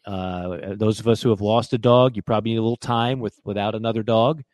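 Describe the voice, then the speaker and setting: A man co-hosting a sports radio show, telling a long personal story in a casual, animated way. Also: on the low side, fairly quick, dry recording. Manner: animated storyteller who acts out quoted voices.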